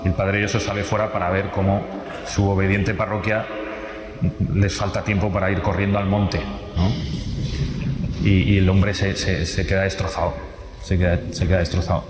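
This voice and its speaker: Man with a Spanish accent from Spain, low voice, storytelling talk in a booming hall with long reverb. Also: level tone, moderate pace, long pauses, background noise. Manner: vivid storyteller, repeats phrases and restarts often. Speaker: speaker giving a testimony.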